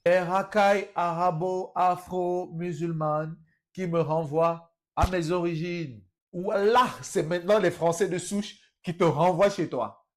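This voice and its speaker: A man's voice: sits high, fairly even intonation, slow. A man commenting on video clips in a mocking tone, speaking straight to his viewers. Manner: mocking, addresses viewers as brothers. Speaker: political commentator.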